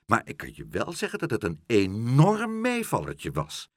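A man's voice: medium pitch, wildly swooping pitch, moderate pace, no echo, clean studio sound. A man voicing a sly, boastful tomcat in a children's storybook reading. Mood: smug teasing. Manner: smug, teasing.

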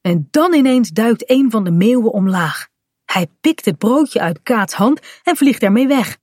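Slow, gentle woman reading a children's story. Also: on the high side, expressive, no echo, clean studio sound. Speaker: storybook reader.

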